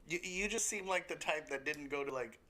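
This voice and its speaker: A man's voice: a little high, a little fast, bright, forceful tone, slight background noise. A man hosting a podcast, ribbing and mocking his co-host in casual teasing chat and laughing a lot. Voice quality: winded smoker.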